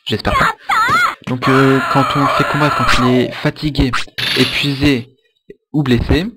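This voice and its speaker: A man's voice: medium pitch, level tone, measured pace, heavy background noise. A man casually commentating his gameplay, rambling and joking, with swearing at mistakes. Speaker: let's play host. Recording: loud game music behind.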